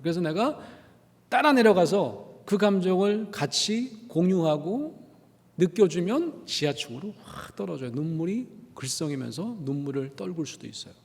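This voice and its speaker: A man lecturing in a church on empathy, his slightly high voice swinging widely in pitch as he quizzes the crowd and acts out little scenes in different voices. The sound carries a long reverb from a large sanctuary. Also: moderate pace, creaky. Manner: animated, acts out dialogues in changing voices, asks the audience questions. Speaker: guest lecturer at a church prayer meeting. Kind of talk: lively church lecture on empathy with acted examples.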